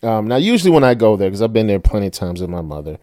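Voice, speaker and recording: Chatty, low-voiced man telling stories. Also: very animated, rapid-fire, dark tone, dry recording, studio quality. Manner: chatty, tags lines with "right?", laughs often. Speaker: storyteller. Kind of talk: casual personal storytelling.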